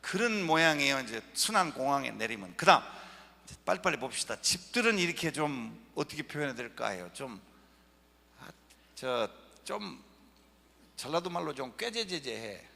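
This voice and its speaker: A man giving an animated lecture over slides, joking with the audience. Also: medium pitch, moderate pace, creaky. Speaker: guest lecturer. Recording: echoey lecture hall.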